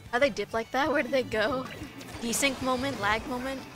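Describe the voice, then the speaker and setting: A woman's voice: a little high, normal speed. A young woman streaming as a VTuber, chatting loosely with her viewers, eating and swearing freely while playing. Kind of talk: casual livestream chat while eating and gaming. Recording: streamer mic with game music behind. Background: game music.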